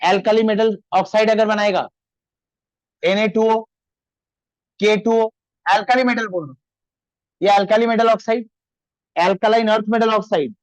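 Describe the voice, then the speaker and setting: A male chemistry teacher lecturing a class, slowly dictating formulas and telling students to stop chatting. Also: sits high, fairly even intonation, no room sound, highs cut off.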